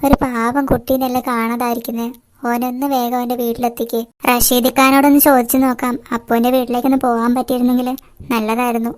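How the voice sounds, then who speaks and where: ഒരു സ്ത്രീ കാർട്ടൂണിൽ മലബാർ മലയാളം ശൈലിയുള്ള, കരുതലുള്ള ഒരു സ്കൂൾ ടീച്ചർക്ക് ശബ്ദം നൽകുന്നു; ടീച്ചറുടെ സംസാരം ആശങ്കയും ആത്മാർത്ഥതയും നിറഞ്ഞതാണ്. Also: female voice, on the high side, level tone, fast talker, lightly acted. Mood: worried. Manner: worried, earnest. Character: caring female schoolteacher, worried.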